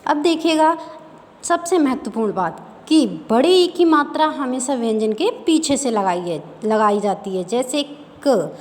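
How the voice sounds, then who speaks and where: A woman teaching a reading lesson to young children, sounding out syllables slowly and repeating each word. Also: sits high, expressive. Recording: faint background noise, long reverb.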